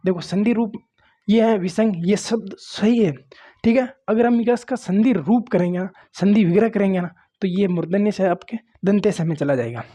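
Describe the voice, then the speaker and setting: At a moderate pace and in a high, dark-toned voice, a man from Rajasthan teaches grammar at a board to his students. His manner is plain and coaxing, peppered with repeated "देखो" ("look") and "ठीक है" ("okay").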